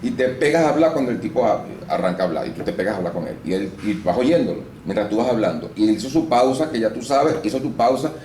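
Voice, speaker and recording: A Venezuelan actor and voice-over artist talks fast in a medium-pitched voice, hardly pausing, during a casual interview. He explains at length with lively, explanatory storytelling and some restarts, recorded in a roomy space with faint noise.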